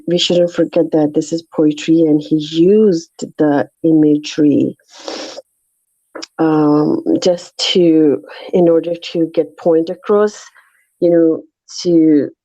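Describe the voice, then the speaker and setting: A woman with a North Indian accent speaking haltingly as she shares her reflections in an informal scripture discussion. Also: lowish voice, dark tone, no echo, highs cut off. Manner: halting, searching for words. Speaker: discussion participant.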